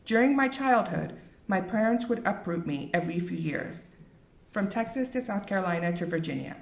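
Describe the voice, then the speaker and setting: A woman's voice: lowish voice, lively intonation. Earnest woman giving a book talk. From United States. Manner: measured, earnest, with frequent fillers. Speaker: author. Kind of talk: book talk and reading aloud.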